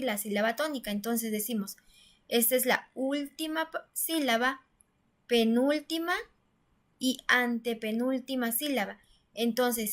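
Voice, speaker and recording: A woman teacher with a fairly high, slightly bright voice leads a step-by-step grammar lesson in classroom style. She explains patiently and pronounces syllables aloud with stress.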